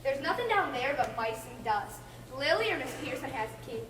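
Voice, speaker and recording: A nervous, high-pitched woman played by a stage actress in a spooky melodrama. She is easily frightened and heard at a distance in a noisy, echoing hall. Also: sing-song, fairly quick, a bit bright. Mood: uneasy. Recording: echoey hall, distant mic, noise.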